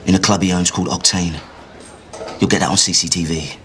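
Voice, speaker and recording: Evasive male suspect, played by an actor, defensive, low-voiced, fast delivery, police drama interview. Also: steady tone, noisy background, close to an everyday voice. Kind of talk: television police drama acting.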